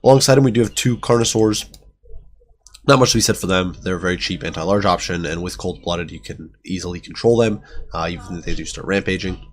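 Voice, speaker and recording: A man with a sick, nasal voice giving chatty game battle commentary, with many fillers. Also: low voice. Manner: chatty, quick, lots of fillers. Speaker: gaming commentator.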